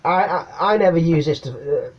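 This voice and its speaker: With lively intonation and a fairly high voice at normal speed, a middle-aged English-accented CB radio hobbyist offers casual, slangy tips to camera from his small attic room at home. He hesitates and repeats words, and the audio is lo-fi.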